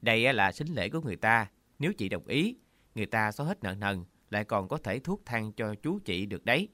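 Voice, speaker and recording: A male storyteller voicing a domineering middle-aged aunt who scolds harshly and wails loudly. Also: big pitch swings, fairly quick, dry recording. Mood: scolding. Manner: shrill, scolding, wailing.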